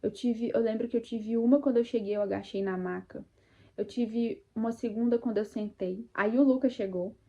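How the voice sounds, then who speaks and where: A young Brazilian woman casually and emotionally telling her own birth story to viewers, speaking warmly about her faith and acting out her own cries. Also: a little high, fairly even intonation, moderate pace, lo-fi sound. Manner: faith-filled, addresses viewers as "gente". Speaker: vlogger sharing birth story.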